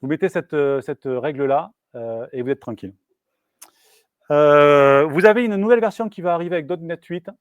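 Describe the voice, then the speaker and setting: Male engineer presenting at a meetup, halting delivery, dry sound. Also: on the high side, smooth, no echo, highs cut off. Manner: casual, hesitant, many fillers and restarts. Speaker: software engineer giving a meetup talk. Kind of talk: live technical presentation. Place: meetup room.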